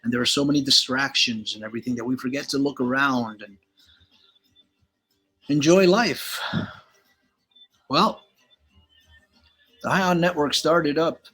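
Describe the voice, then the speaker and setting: A man's voice: mid-range voice, unhurried, pauses often, fairly bright tone, slightly rough, soft background music. An older man from Galicia, Spain, hosting a casual, rambling slideshow commentary, opinionated and laid-back. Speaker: channel host.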